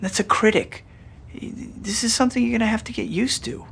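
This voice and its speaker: An actor playing a brusque man who lectures someone in halting bursts. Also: high-pitched, creaky, a bit bright, breathy edge, full character voice. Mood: dismissive.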